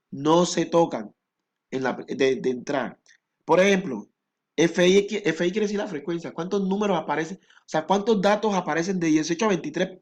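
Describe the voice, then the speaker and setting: A man's voice: a little high, lo-fi sound. A male math teacher, explaining a statistics lesson patiently step by step.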